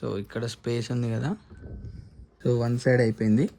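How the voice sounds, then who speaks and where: Speaking in a flat, dark, medium-pitched voice at normal speed, a motovlogger casually demonstrates unboxing and installing a product step by step. He mixes in English terms, and the lavalier recording is clearly noisy with ambience.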